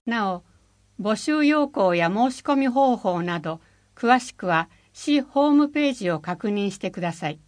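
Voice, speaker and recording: A woman reading a city bulletin aloud, slowly and carefully spelling out job listings, contacts and phone numbers. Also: mid-range voice, dry recording. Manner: slow, careful, even delivery of listings and numbers. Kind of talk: scripted reading of public notices.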